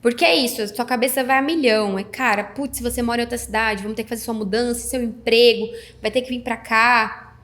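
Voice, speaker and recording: A woman in her thirties talks casually as a podcast guest. Her voice sits on the higher side. She tells her story with energy and acts out the dialogue as she goes. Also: steady tone, fast talker, fairly bright tone. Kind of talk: casual chat.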